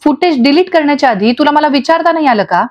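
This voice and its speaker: A woman's voice: high-pitched, expressive, quick pace, dry recording. A woman voicing a scheming woman boss who harshly scolds her staff. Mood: angry. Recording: dull lo-fi audio.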